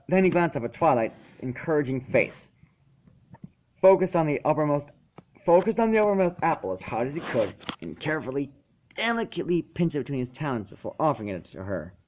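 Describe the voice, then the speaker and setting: Here a man with a mid-range, darkish voice reads fan fiction on his channel, the audio sounding dull. He's an amateur who occasionally stumbles and self-corrects, tossing in casual asides as he goes.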